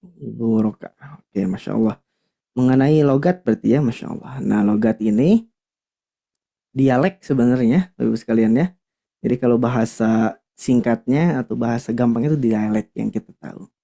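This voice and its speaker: Gravelly-voiced male Quran teacher. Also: mid-range voice, normal speed, dark tone. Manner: patient and explanatory, searches for words aloud. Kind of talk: online class explanation.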